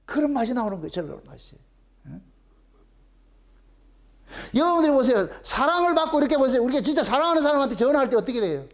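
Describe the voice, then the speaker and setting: Animated Korean pastor with Gyeongsang accent. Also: male voice, very high voice, fast talker, long pauses. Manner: animated, playful, acts out phone calls in voices. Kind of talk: sermon.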